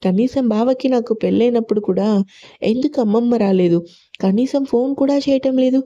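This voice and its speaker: Female reader as innocent young wife, plaintive and soft, very mellow tone. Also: on the high side, moderate pace, lightly acted. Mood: questioning. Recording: lo-fi audio.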